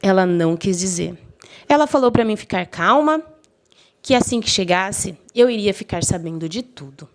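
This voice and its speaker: A woman's voice: mid-range voice, expressive, moderate pace. Young woman telling a dramatic story. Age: young adult. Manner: emotional, voices quoted friends and mother lightly. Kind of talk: first-person story narration.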